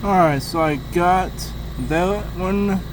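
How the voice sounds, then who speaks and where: A man's voice: high voice, fairly even intonation, takes it slowly. A young man chatting casually while he works on a truck outdoors, rambling with lots of fillers and restarts. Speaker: hobby mechanic vlogger. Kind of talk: casual work-along commentary. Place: outdoors in a driveway beside a truck. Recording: noisy outdoor camera audio.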